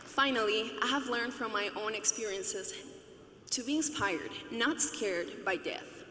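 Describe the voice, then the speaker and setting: A woman's voice: on the high side, a little slow, sharp tone, soft background music. A woman in her twenties from Venezuela, giving an earnest, conversational graduation speech with light humor at a podium microphone in a large arena. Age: 20s. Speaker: student commencement speaker. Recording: echoey arena with long reverb.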